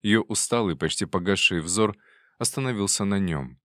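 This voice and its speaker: A man narrating a classic novel in a measured, even manner. His voice sits low. The recording is dry and close, with no room sound. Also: no room sound. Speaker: audiobook reader. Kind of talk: scripted literary narration.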